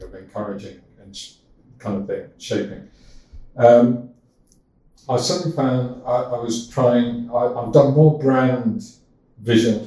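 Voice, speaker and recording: An older man in casual interview talk, speaking in a halting way with many restarts, as a podcast guest. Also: on the low side, warm tone, recorded from a distance. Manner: halting, with frequent repeated starts. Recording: echoey room, from off-mic.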